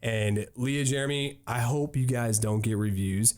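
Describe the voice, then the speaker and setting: A man's voice: mid-range voice, measured pace, darkish tone. A man hosting a travel podcast in a casual, upbeat, joking tone. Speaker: podcast host.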